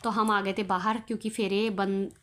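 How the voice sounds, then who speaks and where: Young woman, bright, chatty and laughing, casual vlog. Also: medium pitch, flat delivery, moderate pace. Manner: chatty, laughing often, near tears at times. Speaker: vlogger showing her wedding photos. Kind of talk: casual chat.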